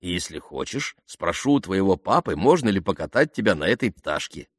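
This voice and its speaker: A man voicing a boastful, cheerful young male aviator who talks loudly and exuberantly. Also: deep voice, big pitch swings, brisk, no echo, studio quality, exaggerated voice.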